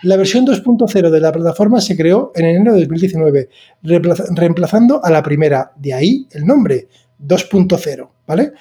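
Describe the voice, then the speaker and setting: A man hosts a relaxed tech podcast. His voice sits a little high but sounds dark and mellow, and he talks loosely, stopping and restarting his sentences with plenty of fillers. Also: brisk. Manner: chatty, hesitant, many fillers and restarts. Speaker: podcast host. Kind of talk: casual podcast chat.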